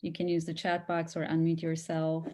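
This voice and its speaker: A woman's voice: deep voice, monotone, normal speed, darkish tone. A woman moderating an online panel on a video call, politely restating questions with examples.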